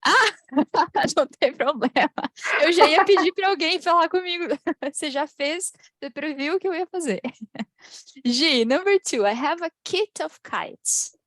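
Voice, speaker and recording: Lively Brazilian woman teaching pronunciation. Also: sits high, no echo, studio quality. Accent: Brazilian Portuguese. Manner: lively, drawn-out model phrases, frequent laughs. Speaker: English teacher. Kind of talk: online English pronunciation class.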